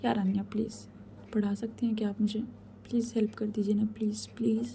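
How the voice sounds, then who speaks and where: A woman's voice: mid-range voice, level tone, fairly quick, vocal fry, warm tone, slight background noise, close to an everyday voice. A woman voicing a shy, anxious young woman student who pleads for help, in a hesitant whispered role-play. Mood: pleading.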